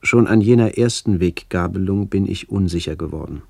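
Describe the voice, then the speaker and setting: Playing a narrator tormented by recollections of his vanished village, the actor speaks haltingly and reflectively in a low, gravelly, slightly mellow voice for this radio drama.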